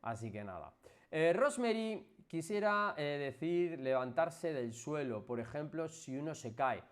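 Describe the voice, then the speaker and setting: A man from Spain with a Spanish accent, a physiotherapist chatting casually with viewers on a live stream, energetic and emphatic, jumping from loud bursts to soft asides. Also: fairly high pitch, a little slow, clear, resonant tone.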